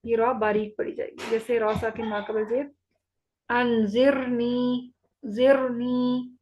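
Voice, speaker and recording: A woman's voice: a little high, level tone, a little mellow, dull audio, slight background noise. A woman teaching an online Quran recitation lesson, patiently repeating each rule and checking that students follow. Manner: patient, repeats rules slowly and checks understanding. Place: online class.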